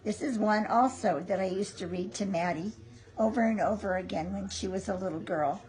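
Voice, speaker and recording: An older woman, a sweet, affectionate grandmother, reading a picture book aloud to a small child in an unhurried, homely way. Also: medium pitch, a little mellow, poor audio. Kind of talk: homely storybook read-aloud with asides to a child.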